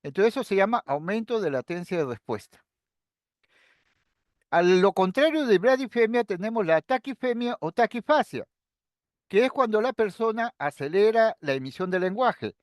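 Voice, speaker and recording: High-voiced man giving a dry, close lecture. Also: moderate pace, no echo. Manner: explains calmly and step by step, addressing students directly. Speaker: psychiatry lecturer. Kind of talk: recorded lecture.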